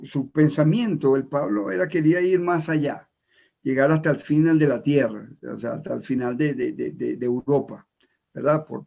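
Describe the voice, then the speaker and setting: An Ecuadorian man preaching a sermon in a halting way, with many repeated words and fillers. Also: fairly high pitch, gravelly, a little mellow. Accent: Ecuadorian Spanish. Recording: dull lo-fi recording.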